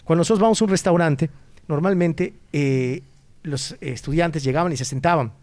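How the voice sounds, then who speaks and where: A lively Mexican man with a slightly high voice speaks at normal speed as a guest in a casual conversation, where he is a student exchange organizer. He tells stories animatedly, acting out quoted voices and often restarting.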